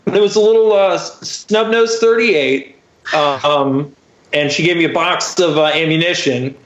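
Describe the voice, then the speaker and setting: Unhurried and a little high-voiced, a man in his thirties shares a personal story on a podcast as a guest, in a casual, wry, self-deprecating way. The sound is lo-fi, with the roomy, echoey quality of a podcast recording.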